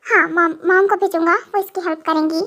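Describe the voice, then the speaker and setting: A woman's voice: extremely high pitch, fairly even intonation, a little fast, pushed and bright. A young woman voicing a caring, flustered young husband in an amateur audio drama, fussing with anxious repeated questions. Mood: embarrassed.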